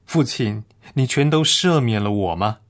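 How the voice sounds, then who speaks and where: A man's voice: medium pitch, animated, measured pace, fairly bright tone. A man reading a tearful pleading son. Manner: pleading, fearful. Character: tearful repentant young son in a parable.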